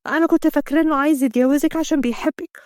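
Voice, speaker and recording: A woman's voice: high voice, steady tone, very fast, darkish tone, no echo, clean studio sound, natural voice. A woman voicing a worried, protective office friend with an Egyptian Arabic accent, soothing in tone.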